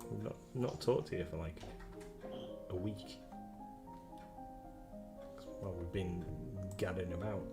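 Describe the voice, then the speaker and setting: A man's voice: sits low, takes it slowly, creaky, long pauses, loud music behind the voice. A man chatting casually as host of a live stream, hesitant and self-deprecating, with lots of fillers. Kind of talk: casual chat. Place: home streaming room.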